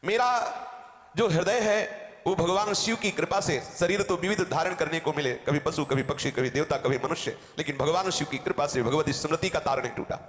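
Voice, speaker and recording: A man as a spiritual teacher delivers a devotional discourse with a fairly high voice. He tells a sage's story in the first person and weaves in quoted verses. The room is echoey, with a long reverb tail. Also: moderate pace, fairly bright tone. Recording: roomy hall with long reverb.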